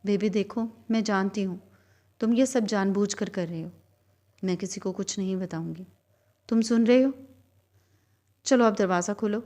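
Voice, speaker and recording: A woman voicing a frightened young woman locked in a wardrobe, pleading and shouting for someone to open the door. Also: mid-range voice, long pauses, natural voice. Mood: coaxing. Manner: pleading then shouting in panic.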